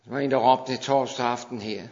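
A man preaching a fervent sermon to his congregation, sometimes dropping to hushed intensity. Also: mid-range voice, fairly even intonation. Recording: dull sound in a long-reverb hall.

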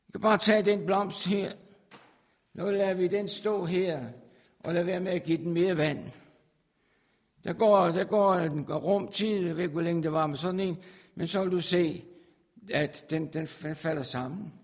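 A man preaching a sermon to his congregation. He repeats phrases for emphasis and swings from soft, quiet passages to loud, forceful peaks. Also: sits high.

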